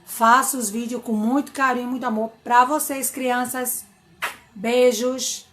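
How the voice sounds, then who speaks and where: A Brazilian woman teacher giving slow, caring advice to children. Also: on the high side, steady tone, fairly bright tone, slight background noise. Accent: Brazilian Portuguese.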